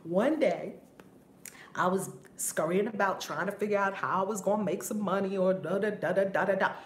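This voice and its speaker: A woman giving a casual spiritual teaching on a livestream, animated, laughing often and swearing casually. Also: medium pitch, normal speed. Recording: roomy with faint background noise.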